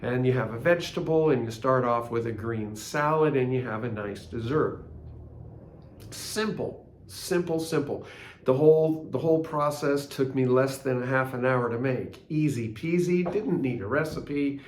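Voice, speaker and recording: A man's voice: medium pitch, normal speed, slight background noise. An older man hosting a casual spoken reflection, telling a story in a chatty way and asking rhetorical questions. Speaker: blog host. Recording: roomy echo.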